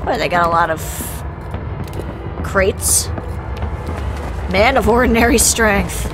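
A woman's voice: medium pitch, slow pace. A woman giving casual, playful commentary as she plays a video game. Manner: playful, bantering. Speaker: gaming video host. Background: game music.

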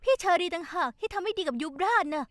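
A woman's voice: extremely high pitch, animated, quick pace, dry recording, clean studio sound. A woman voicing an earnest, kind young heroine in a dubbed TV drama, polite and pleading. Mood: defensive.

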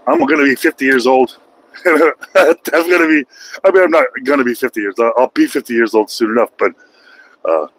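Driving at night, an American man in his forties delivers a casual, self-mocking monologue to his vlog camera from the truck cab. He speaks with medium pitch at normal speed in a slightly bright tone; the recording is rough, with faint engine and road sounds.

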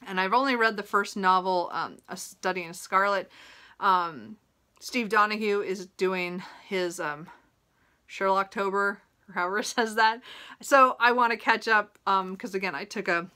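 A woman in her thirties speaks at normal speed with a medium-pitched, bright, forceful voice. Filming in a small room at home, this book vlogger casually discusses a reading list to camera. Her chat rambles and breaks off often, with chuckles along the way.

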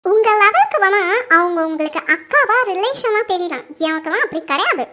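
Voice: very high voice, sing-song, brisk, bright, forceful tone, exaggerated voice. A performer voicing an arrogant young daughter-in-law who scolds and threatens in a family drama skit. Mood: defiant.

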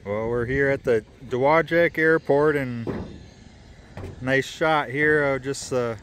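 At a small airfield, a son films his father outdoors with a handheld camera, chatting, teasing and narrating what he shows in a casual vlog. His voice is medium-pitched and fairly bright, and he speaks slowly.

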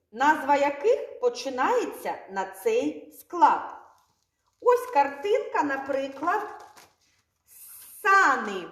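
A kindergarten teacher with a high voice that rises and falls widely. She talks slowly, in a sing-song way, repeating each word clearly for little children. The room is echoey. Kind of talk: speech lesson for young children.

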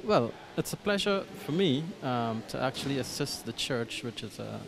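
Speaking in a small church hall against a noisy background, this Guyanese man in his thirties, a parish coordinator, has a medium-pitched, expressive voice with vocal fry and a moderate pace. The interviewer holds a handheld mic for him as he answers haltingly, full of ums and false starts.

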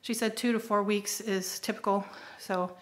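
A woman's voice: mid-range voice, fairly even intonation, normal speed. Chatty middle-aged woman giving a home tour. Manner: chatty, explanatory, pointing things out with frequent ums. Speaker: homestead vlogger. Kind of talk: casual home renovation update. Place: kitchen under renovation, indoors. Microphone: handheld phone camera at arm's length.

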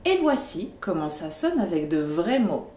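A woman teacher giving a scripted pronunciation lesson, with clear and emphatic explanations. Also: lowish voice, very animated, measured pace, warm tone, reverberant, slight background noise. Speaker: Russian language teacher.

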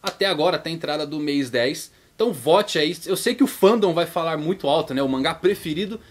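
A Brazilian man with a Brazilian Portuguese accent, hosting his manga vlog in a chatty, casual way and playing out viewers' questions in a higher voice. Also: expressive, fast. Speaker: YouTube manga channel host.

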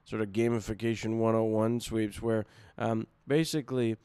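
Clear-voiced man presenting a webinar. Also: on the low side, level tone, moderate pace, dark tone, no echo, studio quality. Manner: conversational, many fillers and restarts. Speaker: webinar presenter, marketing agency. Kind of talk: unscripted webinar talk.

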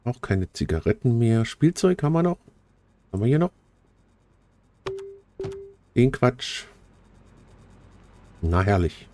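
Lively, mellow-voiced German let's play guy. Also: medium pitch, slow pace, pauses often, soft background music. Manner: chatty, talks to viewers, easily excited. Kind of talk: casual gameplay commentary.

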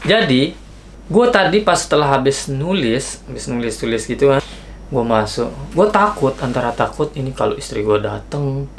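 A young man from Indonesia, telling a story in a casual vlog, slangy and animated, acting out the people in it. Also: mid-range voice, normal speed, gravelly, a little hiss or hum. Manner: slangy, animated, acts out quoted dialogue. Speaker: vlogger.

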